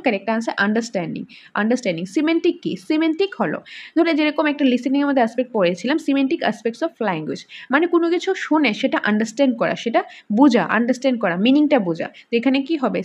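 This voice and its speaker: High-voiced Bengali-accented woman teacher. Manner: reads the English questions slowly, then explains with rhetorical questions. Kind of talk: exam-prep lesson going through multiple-choice questions. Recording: dull lo-fi sound.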